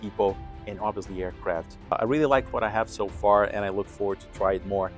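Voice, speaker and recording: A lowish, fairly even voice moves a little fast over soft background music as an aviation vlog host, himself a pilot, casually explains his equipment to camera.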